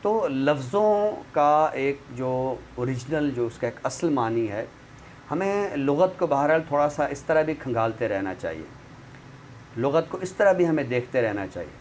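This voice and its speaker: In an animated, slightly slow mid-range voice with a darkish tone, a Pakistani-accented man talks expertly about language and literature, explaining didactically with examples. He is a literary commentator appearing as a guest expert on a talk show, and clear background noise can be heard.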